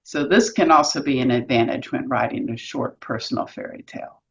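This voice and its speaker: In lo-fi audio, a woman with an extremely low, slightly bright voice and noticeable vocal fry talks a little fast through a semi-scripted explainer. She presents an educational video series, writes, and runs workshops, and her delivery is articulate and instructive with a lightly wry tone.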